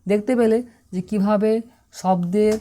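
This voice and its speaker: A woman's voice: mid-range voice, fairly even intonation, normal speed, mellow. A woman teaching English pronunciation to students, explaining patiently and step by step, often asking if they can see.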